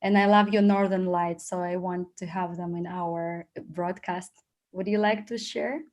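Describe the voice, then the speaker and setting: A woman hosting a video call, warmly thanking and encouraging each participant as she invites them to speak. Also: lowish voice, fairly even intonation, a little slow. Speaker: host.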